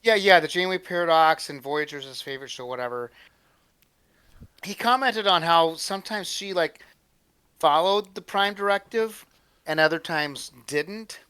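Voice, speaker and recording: A man co-hosting a casual chat, rambling and halting as he talks. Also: fairly high pitch, animated, bright, forceful tone, clear, resonant tone, dry recording. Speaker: co-host.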